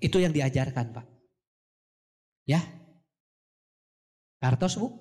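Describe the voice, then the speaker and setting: A man's voice: medium pitch, expressive, takes it slowly, a little mellow, long reverb tail. A Sundanese-accented man giving a parenting sermon, speaking straight to his listeners and answering his own questions. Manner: addresses the audience directly, asks and answers his own questions. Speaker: Islamic preacher.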